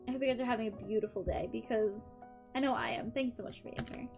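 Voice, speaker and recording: Between tarot readings, a young streamer talks casually with viewers over background music, sounding upbeat and chatty with lots of "um"s and little laughs. Her voice is on the high side, gravelly and fairly even in intonation, she talks fast, and her throat is a bit dry.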